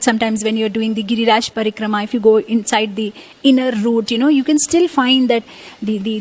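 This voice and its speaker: Woman storyteller, slightly high voice, lively, acts out the quotes. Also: poor audio. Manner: animated, acts out quotes, many fillers. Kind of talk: devotional storytelling.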